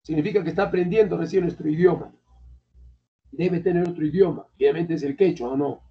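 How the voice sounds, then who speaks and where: A high-voiced man from Peru, working as a language teacher, delivers a fairly quick classroom lecture. His manner is colloquial as he repeatedly quizzes the class, and the audio comes from a dull lo-fi classroom recording.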